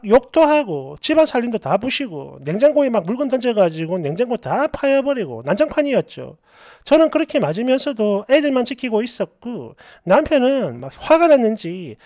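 Expressive woman reading a story aloud. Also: on the high side, moderate pace, no room sound, clean studio sound. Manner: expressive, acts out quoted lines. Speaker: story narrator. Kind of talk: dramatic reading of a reader's story.

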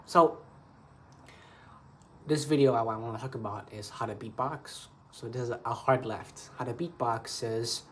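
A man's voice: mid-range voice, a bit bright, a little hiss or hum. A man giving an earnest, repetitive, rambling monologue to camera about beatboxing. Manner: earnest, repetitive, loose improvised phrasing. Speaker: beatbox vlogger.

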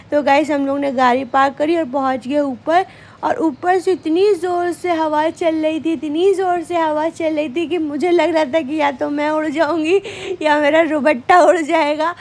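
A young woman narrating a family outing vlog in a chatty way, talking straight to her viewers. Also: high voice. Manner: chatty, addresses viewers as guys. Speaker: vlogger.

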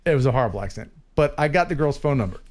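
At a racing pace and medium pitch, a man hosting a show jokes around about viewer drone clips. The chat is casual and lively, full of laughs and playful asides.

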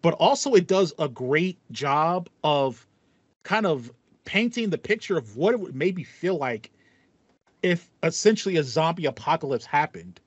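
Very animated yet unhurried, a man in his thirties with a slightly high, husky voice co-hosts a casual podcast chat about video games. He rambles with enthusiasm and repeats phrases. His headset video-call audio from a small foam-lined home room is slightly muffled and echo-free.

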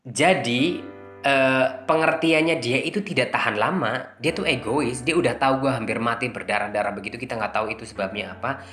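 A man from Indonesia tells a personal story in a candid, halting way, full of fillers and restarts. His voice sits at an ordinary middle pitch. It was recorded in an echoey room with music playing clearly underneath. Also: a bit bright. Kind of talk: personal confession narration.

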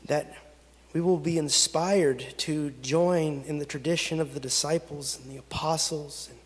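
A man in his thirties, a pastor, leading a pastoral prayer and reading scripture from the pulpit in slow, measured phrases with long pauses. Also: fairly high pitch, fairly even intonation. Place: church sanctuary at a pulpit. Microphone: pulpit gooseneck microphone. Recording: long reverb of a church sanctuary.

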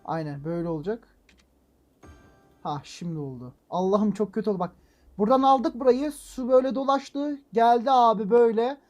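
Brief: male let's-play host, high voice, excitable, talks to himself, mild swearing. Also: brisk, faint music behind. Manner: swings between calm muttering and loud frustrated outbursts. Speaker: gaming channel host. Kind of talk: let's-play gameplay commentary.

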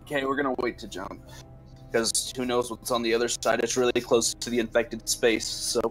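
A young man, calmly giving orders as captain in a gaming voice chat. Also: mid-range voice, normal speed, soft background music, low-quality recording. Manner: calm, gives orders. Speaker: gamer, ship captain in the game. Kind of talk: casual voice chat while gaming.

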